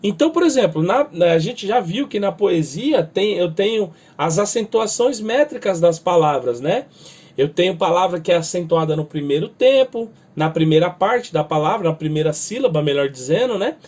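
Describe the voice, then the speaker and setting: A man's voice: high voice, lively intonation, darkish tone. A man with a Brazilian Portuguese accent teaching music theory, explaining step by step and checking in with "tá?" and "né?". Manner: explains step by step, adds "tá?" and "né?" after nearly every phrase; sings or spells out lyrics slowly to show stress. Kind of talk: spoken music lesson.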